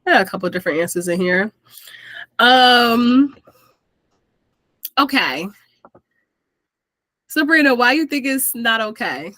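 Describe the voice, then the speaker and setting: A woman's voice: a little high, expressive, unhurried, pauses often, sharp tone, dry recording. A woman hosting a casual group video call, chatty and easygoing, saying "like" often and laughing easily. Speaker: host of an officiant meetup.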